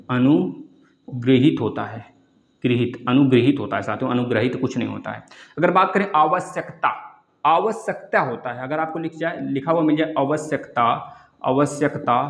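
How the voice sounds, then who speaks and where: In an echoey room with lo-fi sound, a man with a medium-pitched voice teaches Hindi grammar for exam prep. He says each word twice, puts questions to viewers, and addresses them as friends.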